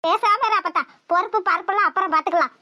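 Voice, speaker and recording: A woman's voice: extremely high pitch, very fast, pushed and bright, no echo, clean studio sound. A woman voicing a stubborn, irritated young village woman who keeps protesting in a cartoon. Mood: pleading.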